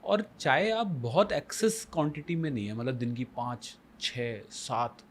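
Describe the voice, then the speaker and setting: A man appears as the guest life coach in a podcast conversation, his medium-pitched voice husky and unhurried. Switching between Hindi and English phrases, he makes his points emphatically and poses rhetorical questions.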